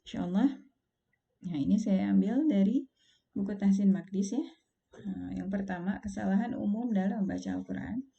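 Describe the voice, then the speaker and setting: A woman teaching Quran recitation in an online lesson, explaining calmly and patiently and slowing down to recite examples. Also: mid-range voice, creaky, muffled recording.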